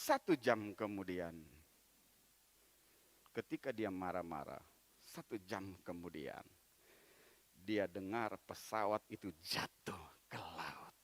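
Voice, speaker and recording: A man preaching a sermon as a pastor in a church, telling a story with big swings in loudness. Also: deep voice, animated, slow, long pauses.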